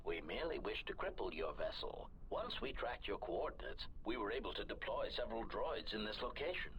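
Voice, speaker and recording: Game droid villain, metallic robot filter, lowish and swooping, systems failing, over game music. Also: male voice, expressive, a little fast, a bit bright, a little hiss or hum. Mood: coldly menacing. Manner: announces each line's intent in clipped labels. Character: menacing male assassin droid, cold and polite. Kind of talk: video game voice acting.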